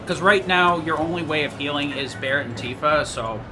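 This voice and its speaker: A man's voice: a little high, normal speed, over music. A man giving casual, rambling, matter-of-fact commentary on his own speedrun, picking at his own mistakes. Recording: clearly noisy home gaming recording.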